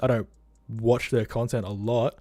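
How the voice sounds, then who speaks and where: A man's voice: mid-range voice, fairly even intonation, normal speed, warm tone, dry recording. A young Australian man hosting a casual livestream, tired and rambling, talking bluntly and swearing freely from home. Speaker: livestream host.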